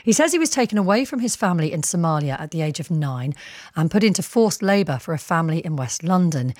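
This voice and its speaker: Female live radio presenter; brisk, inquisitive, slightly low voice, dry close mic. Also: animated, darkish tone, dry recording.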